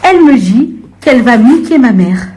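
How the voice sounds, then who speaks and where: A young woman rants to viewers on a live stream, slangy and confrontational, alternating between low grumbling and shrill outbursts. She's expressive, speaks at normal speed, and sounds a little mellow.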